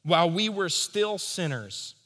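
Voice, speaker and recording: A man's voice: high voice, big pitch swings, unhurried, fairly bright tone, long reverb tail. A man preaching a sermon, emphatic and rising and falling for stress. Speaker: pastor.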